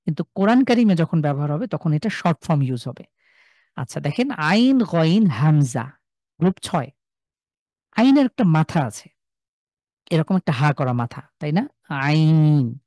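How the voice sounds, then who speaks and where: A man's voice: on the high side, sing-song, moderate pace, long pauses, warm tone, no echo, studio quality. A man with a Sylheti Bengali accent teaching a live online class, patiently drawing out and repeating each sound for his students. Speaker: Quran recitation teacher.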